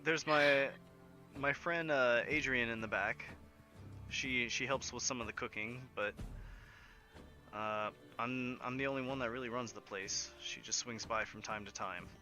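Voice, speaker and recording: A man voicing a weary, resigned woman who keeps an old tavern, speaking pleasantly with hesitant pauses. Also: medium pitch, steady tone, pushed and bright, faint music behind. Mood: wistful. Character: weary middle-aged woman tavern keeper.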